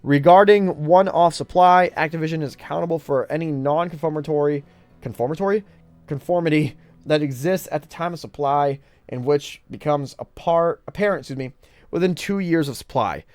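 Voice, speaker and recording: A man's voice: on the high side, a little fast, darkish tone, no echo. A man reading a long legal agreement aloud word for word, stumbling now and then and correcting himself. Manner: plain read-aloud with stumbles, self-corrections and apologies; reads out punctuation such as "open bracket" and "slash". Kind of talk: verbatim reading of a legal text.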